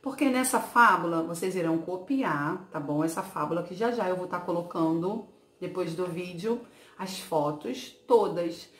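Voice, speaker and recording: A woman's voice: on the low side, moderate pace, reverberant. A woman teacher going over a lesson for her pupils, explaining patiently and often checking in to make sure they follow. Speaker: schoolteacher. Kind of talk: recorded remote lesson for pupils.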